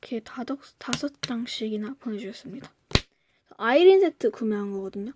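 Young woman, casual unboxing chat, excitable and breathy with whispers, fairly high pitch, faint background noise. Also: brisk. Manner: excitable, gushing, often gasps and drops to a whisper. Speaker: fan vlogger reviewing merchandise.

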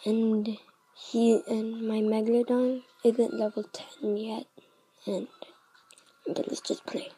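A woman's voice: fairly high pitch, little pitch movement, slow pace, long pauses, warm tone, slight background noise, poor audio. A woman giving chatty let's-play commentary on a mobile game, narrating each move and often dropping to a half-whisper.

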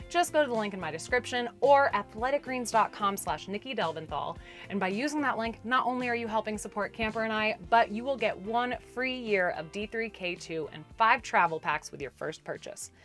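Woman in her thirties, cheerful travel vlog chat, medium pitch, faint background music. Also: a bit bright. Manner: upbeat, chatty, talks to her dog. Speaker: travel vlogger. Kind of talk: casual vlog narration. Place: outdoors on forest trails and in a camper van.

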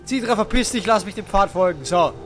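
This let's play host has an Austrian German accent and a high, brisk voice, with soft music playing behind him. He comments on the game excitably, joking, swearing and yelping when the action frightens him.

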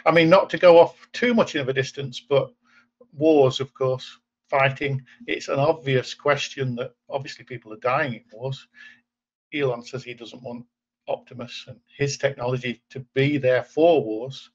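A man's voice: mid-range voice, moderate pace. A man in his forties from England, hosting a casual video-call interview and musing thoughtfully, often restarting phrases. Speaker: host. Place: indoor room at home. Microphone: webcam video call. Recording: muffled lo-fi video-call audio.

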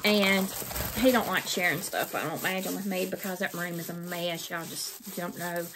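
A middle-aged craft vlogger from Mississippi, with a Southern accent and a lowish, fairly even voice at a moderate pace, chats folksily about her craft purchases in a casual unboxing, rambling and repeating herself. She's in a small, plain indoor room, and the recording is noisy, with crinkling plastic.

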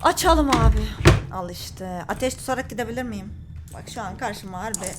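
A woman's voice: mid-range voice, fairly quick, very noisy. A woman hosting a gaming channel, giving jumpy, frightened commentary on a horror game and reading its notes aloud to viewers.

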